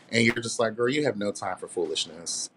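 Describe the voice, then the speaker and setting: A man in his late thirties in casual group chat, telling stories in a sassy, drawn-out way and calling everyone honey. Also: on the low side, big pitch swings, pushed and bright, slight background noise. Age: 30s. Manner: sassy, drawling storyteller, calls others honey.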